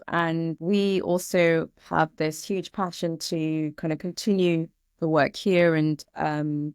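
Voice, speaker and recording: A woman, a doctor, is a guest in a casual interview over a video call. Her voice is smooth and a touch low, recorded dry and close, and she speaks earnestly in quick bursts. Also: a little mellow, no room sound.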